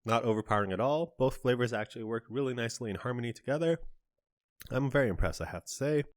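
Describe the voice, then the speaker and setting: A man with a mid-range voice talks fast as the host of a candy review channel, chatting casually on camera and describing each flavor in detail with small asides. The audio is clean studio sound with no echo.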